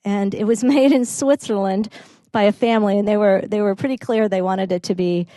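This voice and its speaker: A woman musician casually introducing instruments between songs, friendly and halting, with fillers and small laughs. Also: mid-range voice, steady tone, warm tone, no echo.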